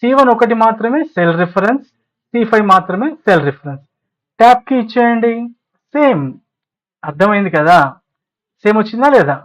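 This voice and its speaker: A man teaching a spreadsheet lesson over a screen recording, asking his listeners questions, answering them himself and repeating each point slowly. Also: high voice, expressive, low-quality recording. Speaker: spreadsheet tutor.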